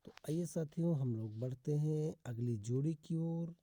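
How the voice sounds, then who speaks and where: A man with a fairly high-pitched yet dark-toned voice teaches English pronunciation in Hindi, going over rules repeatedly and stretching out example words. He speaks slowly and calls viewers "friends" many times, with no room sound audible.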